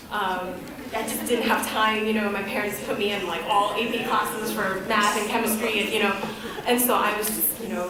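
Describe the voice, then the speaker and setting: A woman's voice: medium pitch, fairly bright tone, recorded from a distance, a little hiss or hum. A woman in her thirties from the United States, giving a candid, conversational personal talk as a guest presenter at a podium. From United States, grew up in Boston. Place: event hall, speaking at a podium. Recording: very echoey hall.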